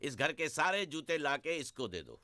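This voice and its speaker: A gruff, domineering employer with a sharp, fairly high voice. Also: male voice, big pitch swings, normal speed, slight background noise, exaggerated voice. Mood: bossy. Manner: gruff, bossy. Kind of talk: film comedy acting.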